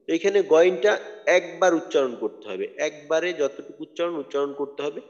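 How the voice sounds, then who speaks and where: A man teaching Quran recitation, patiently spelling out letters and drawing out words slowly. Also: on the high side, expressive, darkish tone. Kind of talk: tajweed lesson. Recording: dull audio with long hall reverb.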